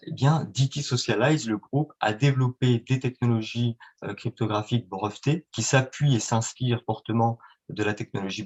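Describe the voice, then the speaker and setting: With a slightly mellow, mid-range voice, a man from France and Italy takes interview questions as a guest. An independent trader, he stumbles through plenty of fillers and restarts, and the audio is dull and lo-fi.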